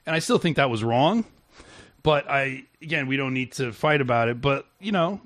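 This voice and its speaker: Male show host, middle-pitched, rambling and halting delivery, dry close recording. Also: animated, a bit bright, dry recording. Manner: rambling, halting, with frequent restarts and laughter. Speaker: podcast host. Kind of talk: casual interview chat.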